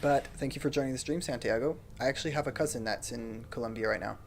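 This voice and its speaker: A young man streaming a game from his home room chats easily and reads out viewer comments in a soft, self-deprecating tone at his desk mic. He speaks at a quick pace in a mid-range voice, with game music and slight background noise underneath.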